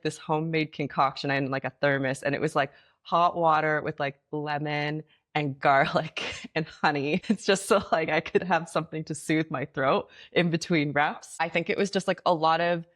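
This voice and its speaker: A woman's voice: sits low, a bit bright. A young woman speaks as an athlete being interviewed. Her delivery is conversational and reflective, telling her own experiences casually in the first person. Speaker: track athlete guest.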